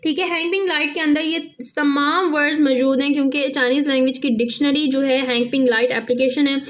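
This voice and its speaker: A woman teaching a casual language lesson, often checking in with "theek hai" and slowing down to spell out sounds. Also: high-pitched, fairly even intonation, fairly bright tone. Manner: repeats "theek hai" after each point, spells out sounds slowly.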